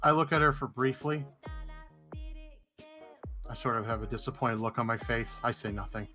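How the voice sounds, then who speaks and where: A man taking part in a tabletop game describes what his character does, in a wry, understated way. His voice is middle-pitched and strikingly bright. Faint music sits underneath. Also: moderate pace. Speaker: player.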